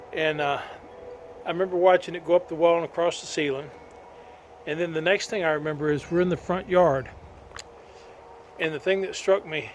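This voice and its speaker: A man's voice: fairly high pitch, slight background noise. Folksy man reading his story. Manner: folksy storytelling with homespun sayings. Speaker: author. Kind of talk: reading his own novel aloud, then telling the backstory.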